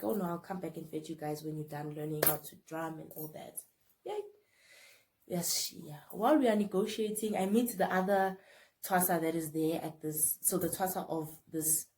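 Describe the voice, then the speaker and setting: A young South African woman with a South African accent, telling a personal story to camera in an animated way and mixing in local words. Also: medium pitch, slight background noise. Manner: animated, mixes in Zulu and Sotho words, swings between loud and hushed. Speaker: vlogger.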